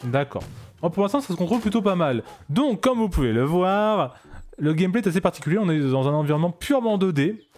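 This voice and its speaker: A man's voice: sits high, big pitch swings, fast talker, a little mellow, faint music behind. A man giving casual, joking commentary while playing a game on stream, chatty with frequent restarts. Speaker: let's play streamer.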